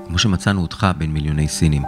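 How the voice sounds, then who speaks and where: A man voicing a gentle, reassuring girl in a serialized children's story. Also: rumbling low, music in the background. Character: girl, calm and encouraging. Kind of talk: storybook character reading.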